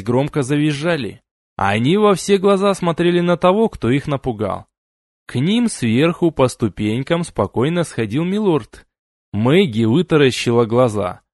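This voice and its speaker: A man's voice: medium pitch, very animated, unhurried, darkish tone, no room sound, clean studio sound. A man narrating a fantasy audiobook expressively, giving each character a voice.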